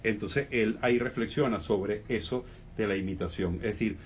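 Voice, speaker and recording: In a fairly low voice, a Venezuelan-accented man appears as a humorist guest on the radio. He muses thoughtfully, his speech full of pauses and fillers, while a faint hiss or hum runs underneath.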